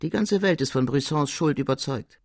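A man's voice: on the high side, moderate pace, creaky, a little mellow, dry recording, studio quality, voice pushed up. A man doing a proud soldierly officer. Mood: firm. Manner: firm, emphatic confession. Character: proud middle-aged male officer, soldierly and frank.

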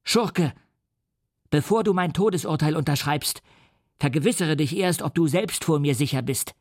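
A man's voice: mid-range voice, a little slow, no echo, clean studio sound, lightly acted. A man playing a defiant, wrathful scientist. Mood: furious. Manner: forceful, indignant. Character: defiant young male scientist, wrathful, resolute. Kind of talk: audiobook reading.

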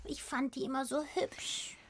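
A woman's voice: high voice, level tone, measured pace, no echo, studio quality. A woman voicing a vain, chirpy little bird in a children's radio play.

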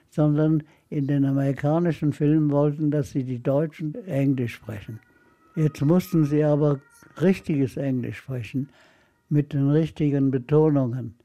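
A man in his nineties, a former film dialogue coach, talks in a slow, reflective way in a radio interview. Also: on the high side, mellow. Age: 90s. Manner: slow, unhurried, reflective storytelling.

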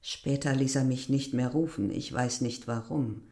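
A proud, wistful middle-aged woman who keeps an inn in a village speaks with grave, deliberate insistence, as in a literary radio drama, still devoted to a love long past. Her voice is extremely low, steady, and a little mellow, fully in character.

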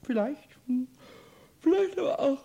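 A woman's voice: high voice, animated, unhurried, gravelly, dark tone, dull audio, full character voice. A woman voicing a lazy, playful little male kobold in a children's radio play, stammering and rhyming nonsense words. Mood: cheeky.

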